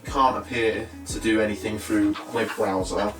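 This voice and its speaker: With a lowish voice, fairly even intonation and a moderate pace, another British presenter reviews a tech product off the cuff, musing in brief, tentative fragments. The sound is roomy and echoey from a distant mic, with faint music behind him.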